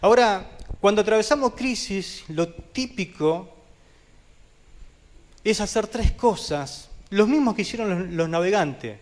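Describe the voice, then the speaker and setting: A man preaching a sermon as pastor, talking vehemently and putting questions to the congregation, with sudden swings from loud high peaks to quiet low drops. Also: lively intonation, unhurried. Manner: addresses the congregation directly with questions. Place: church.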